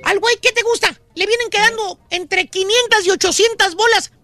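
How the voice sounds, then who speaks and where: A man's voice: extremely high pitch, a little fast. A man voicing a crude, mocking male "maestro" character with a Mexican accent, ranting in slang on a radio comedy show. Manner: rowdy rant full of slang, jumps into shouts. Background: music.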